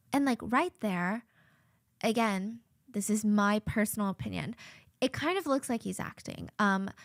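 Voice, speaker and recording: A woman hosting a true-crime podcast, giving casual, opinionated commentary with drawn-out hushed asides. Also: mid-range voice, no room sound, studio quality. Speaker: podcast host.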